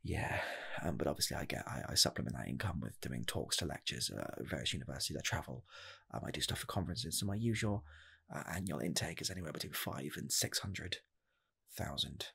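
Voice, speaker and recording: Pushing his bass voice down, a man in his 20s acts out a nervous, eager rocket scientist interviewing for fast-food work in a comedic ASMR bit. The tone is soft, husky and gravelly, drifting into whispers, animated and heavily acted. He sounds awkward and hesitant, stammering, pausing and repeating phrases.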